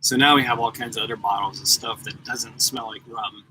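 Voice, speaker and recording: Trucker guy in his 40s rambling on a live stream from his cab, sharp bright voice, laptop mic. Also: mid-range voice, steady tone, a little fast, a little hiss or hum, low-quality recording. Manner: rambling, chatty, addresses viewers directly. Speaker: truck driver and YouTuber. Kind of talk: casual live-stream chat. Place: parked truck at a trucking yard.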